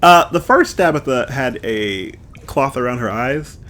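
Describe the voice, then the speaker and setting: A man's voice: medium pitch, animated, a little slow, a bit bright. A man casually commenting on his own gameplay, playful and jokey, talking straight to his viewers. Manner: playful, jokey, talks to viewers, drifts into sing-song bits. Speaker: gameplay streamer.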